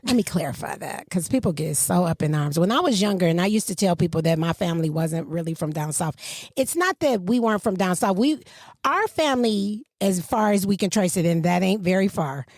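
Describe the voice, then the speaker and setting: A woman from Michigan with a slight Southern accent, hosting a podcast and telling stories in a playful, animated way straight to her listeners. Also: on the low side, a little fast, dry recording, clean studio sound. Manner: animated, playful storyteller who addresses listeners directly. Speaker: podcast host. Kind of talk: casual chat, storytelling. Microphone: studio microphone.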